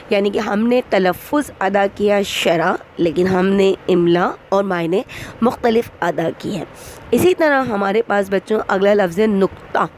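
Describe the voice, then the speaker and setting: A woman teaching an online grammar lesson to schoolchildren, explaining slowly and spelling words out letter by letter. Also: mid-range voice, a little mellow, a little hiss or hum.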